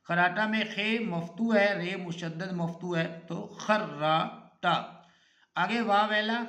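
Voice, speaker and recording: A male Urdu teacher giving a recorded grammar lesson, slow and deliberate, repeating each word to drill its pronunciation. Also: sits high, sharp tone. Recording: echoey room.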